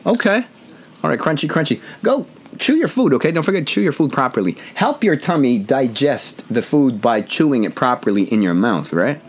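A man hosting a relaxed home podcast, his voice hoarse and roughened as he jokes about himself. His pitch swings widely and freely as he rambles from one thought to the next. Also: fairly quick. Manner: jokey, rambling, self-deprecating. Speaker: podcast host. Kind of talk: casual chat.

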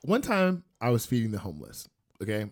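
A man's voice: medium pitch, wildly swooping pitch, fairly quick. A young man co-hosting a podcast, chatting casually and wandering into playful side stories. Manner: rambling, playful storyteller with side notes. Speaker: podcast co-host. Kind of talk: casual chat.

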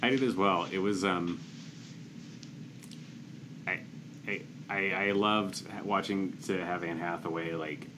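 A man's voice: sits low, steady tone, measured pace, long pauses, background noise. A young man co-hosting a podcast, talking casually and hesitantly with many restarts. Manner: hesitant, stumbling restarts, apologetic. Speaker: podcast co-host. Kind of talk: casual chat about a movie.

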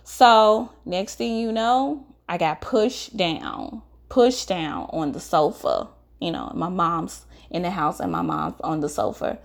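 A young adult woman telling a painful personal story straight to her viewers, earnest and emotional, halting and restarting as she speaks. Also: lowish voice, big pitch swings, gravelly. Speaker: vlogger. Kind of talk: personal testimony to camera.

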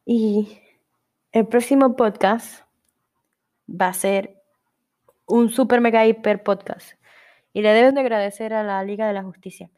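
A woman's voice: medium pitch, fairly even intonation, a little slow, long pauses, a little mellow. A young woman with a Panamanian accent hosting a casual solo podcast, chatty and rambling, often cutting herself off mid-word. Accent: Panamanian Spanish. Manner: rambling, chatty, self-interrupting. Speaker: podcast host.

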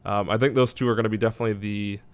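A man's voice: fairly low pitch, steady tone, rapid-fire, clear, resonant tone, no echo. A man talking casually as a basketball draft analyst, hedging and thinking aloud as he goes. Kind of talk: casual sports discussion.

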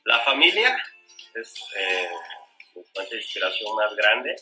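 A man's voice: on the low side, big pitch swings, slow, pushed and bright, soft background music, rough recording. A Mexican man co-hosting a casual chat over coffee, speaking earnestly and reflectively. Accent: Mexican Spanish. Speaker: co-host.

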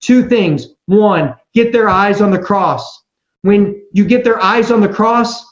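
Male preacher at a pulpit mic; high-pitched, roomy and slightly muffled sound, earnest delivery. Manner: earnest, emphatic, slows down for scripture. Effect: preaching into a pulpit microphone. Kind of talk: sermon.

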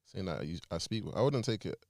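Very deep-voiced man. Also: animated, a little fast, vocal fry, a little mellow, dry recording, clean studio sound. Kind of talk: casual group discussion.

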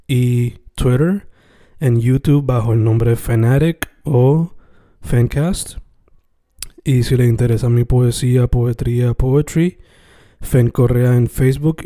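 A man hosts a casual podcast interview, and his voice is very dark and mellow. The sound is dry and close, and he hops between two languages within a single sentence. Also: mid-range voice, dry recording. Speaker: podcast host.

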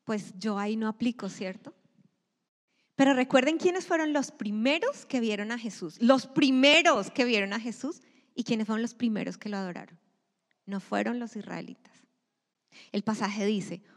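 In a church sanctuary, a woman with a medium-pitched voice preaches a sermon to her congregation. Her emphatic delivery swells loud and then drops to a near-whisper, carried by long hall reverb.

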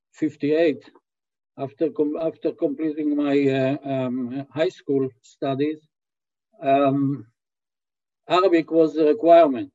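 A man in his eighties from Israel with an Israeli accent, answering interview questions slowly with many hesitations over a remote call. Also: a little high. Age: 80s. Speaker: guest. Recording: dull lo-fi call audio.

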